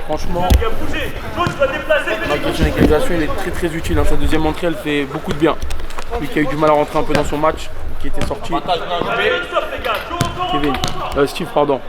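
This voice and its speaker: A man doing excited live sports commentary, calling out players' names in short bursts and exclamations. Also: on the high side. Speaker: match commentator. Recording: loud crowd and bouncing ball behind. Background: crowd noise, ball bounces.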